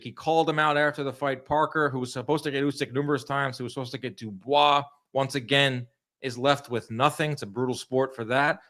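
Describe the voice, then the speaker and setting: A man's voice: fairly high pitch, a bit bright. A man hosting a live boxing stream, chatting casually and giving his opinions while talking to viewers in the chat. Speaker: boxing livestream host. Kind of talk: casual live fight commentary.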